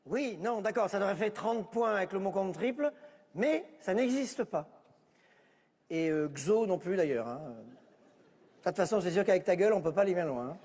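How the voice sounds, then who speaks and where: A man's voice: high-pitched, lively intonation, brisk, darkish tone, big-room sound. A man performing a comedy sketch on stage, bickering sarcastically with unseen family members over a board game. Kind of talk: stand-up sketch, one-man show.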